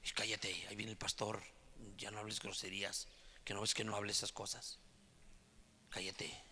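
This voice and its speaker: A man preaching voices a bystander who warns friends in a low, hushed voice. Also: flat delivery, moderate pace, long reverb tail. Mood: hushed urging.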